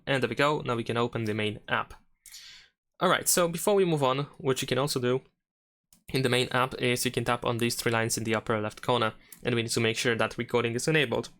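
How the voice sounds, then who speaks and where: In this relaxed, step-by-step tech tutorial, the male host explains each stage in an easygoing way. His voice is medium in pitch with a touch of brightness.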